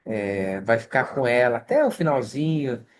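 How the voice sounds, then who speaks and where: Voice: mid-range voice, lively intonation, moderate pace. A study group leader with a Brazilian Portuguese accent gives an online scripture lesson over a video call, speaking conversationally and often checking in with listeners.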